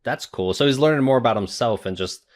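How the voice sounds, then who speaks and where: A man's voice: mid-range voice, animated, fast talker. A young man giving informal, sweary, blurted commentary as he watches an anime. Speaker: reaction video host.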